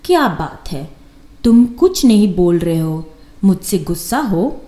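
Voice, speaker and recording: A woman voicing a clever, wary male jackal in a storybook tale, calling out loudly and coaxingly. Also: lowish voice, big pitch swings, takes it slowly. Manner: loud, coaxing call. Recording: echoey room.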